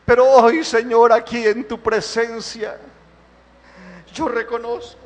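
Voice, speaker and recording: A man pastor leading a congregation in fervent prayer, repeating calls and swelling and dropping his volume. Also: very high-pitched. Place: church sanctuary. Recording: long hall reverb.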